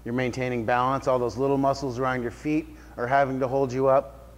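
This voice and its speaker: A man's voice: mid-range voice, level tone, brisk. A man working as a fitness trainer, giving an informal workshop talk to a group in a casual, explanatory way and checking in with his listeners. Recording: reverberant hall sound.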